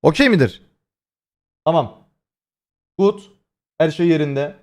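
A man's voice: on the high side, lively intonation, slow. Chatty young streamer man, cursing casually. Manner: chatty, swears casually, talks straight to chat. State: voice strained after hoarseness. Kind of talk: casual livestream chat.

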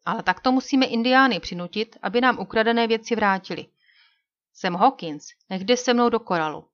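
A bold male frontier hero barks firm, clear orders, as a woman reading an audiobook takes on his voice. He sounds calm and certain of himself. The recording is a little dull and lo-fi. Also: a little high, close to an everyday voice.

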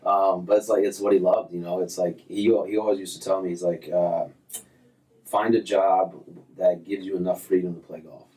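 Low-voiced man in easy, rambling chat. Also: moderate pace, distant mic, low-quality recording. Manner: relaxed, rambling, many fillers and restarts. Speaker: golf instructor, guest. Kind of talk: casual interview chat. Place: small office with framed diplomas.

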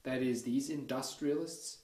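A man delivering a university history lecture in a measured, deliberate way, often checking in with "okay" and starting points with "so". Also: mid-range voice, steady tone, darkish tone. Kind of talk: academic lecture. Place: lecture room. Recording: echoey lecture room.

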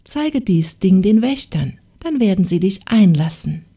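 A woman voicing a kindly, gracious male knight in a fairy tale audiobook, speaking gently and courteously. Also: medium pitch, big pitch swings, unhurried, breathy edge, exaggerated voice.

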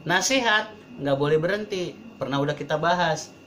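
Speaking at a moderate pace in a slightly high voice, an Indonesian man in his thirties who trains parents chats casually with a live audience. He plays out the parents he quotes, while audience murmurs and laughter surround him.

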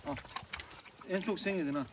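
Man vlogger, slightly high voice, short firm commands to dogs, rural roadside, noisy outdoor recording. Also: moderate pace. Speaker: vlogger feeding stray dogs. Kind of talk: casual outdoor vlog talk. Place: outdoors by a road in the countryside. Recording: outdoor recording with clear background noise.

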